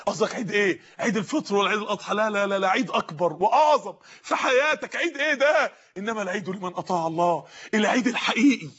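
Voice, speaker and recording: Fervent high-voiced Egyptian preacher. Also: male voice, lively intonation, fast, slightly rough, muffled recording. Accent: Egyptian Arabic. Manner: fervent, often shouting, pleading with the audience. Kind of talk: impassioned sermon.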